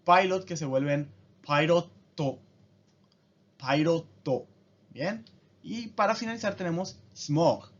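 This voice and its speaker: Man, fairly high voice, language teacher, step-by-step explaining, dull lo-fi recording. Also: expressive, normal speed. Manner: explains step by step, often checks in with the listener. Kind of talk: casual spoken lesson. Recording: dull lo-fi audio.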